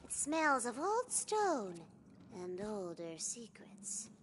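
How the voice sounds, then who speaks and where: A woman playing an excitable young game master, narrating a fantasy video game dramatically with slangy asides. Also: sits high, a little slow, heavily acted. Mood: dramatic, playful. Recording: game music behind.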